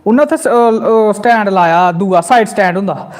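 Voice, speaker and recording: A Dogri-accented comedy host from Jammu tells a comic story live and reads viewer comments aloud, speaking a little fast in a high voice. He narrates energetically and bursts into quoted voices.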